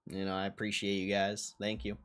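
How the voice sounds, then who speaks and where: A man with a fairly low, smooth voice and a fairly bright tone delivers his lines completely flat and briskly. He's hosting a casual livestream, reading viewer comments and chatting in slangy, repetitive phrases.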